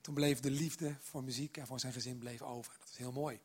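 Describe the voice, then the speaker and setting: A man's voice: mid-range voice, steady tone, fairly quick, breathy edge. A man preaching a sermon to a congregation, telling stories and speaking to them directly. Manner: warm direct address to the congregation, storytelling.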